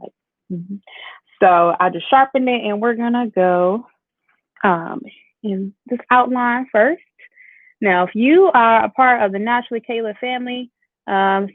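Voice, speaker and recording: An upbeat woman with a medium-pitched voice hosts a beauty livestream, casually chatting with viewers about makeup. The dry recording, made with AirPods, sounds tinny and phone-like.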